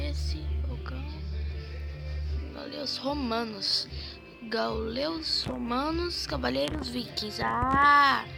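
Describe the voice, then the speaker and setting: A woman with a Brazilian accent, hoarse and stuffy-nosed, thinking aloud as she guesses through a quiz game, with mild swearing. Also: high voice. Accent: Brazilian Portuguese. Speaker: gaming channel host. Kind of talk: casual gameplay commentary.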